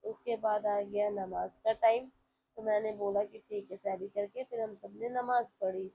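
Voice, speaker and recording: A woman's voice: medium pitch, steady tone, unhurried, gravelly, a little hiss or hum. A woman, narrating her day in a casual, chatty vlog voice-over and talking to her viewers directly. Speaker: vlogger. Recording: slightly dull lo-fi with faint home ambience.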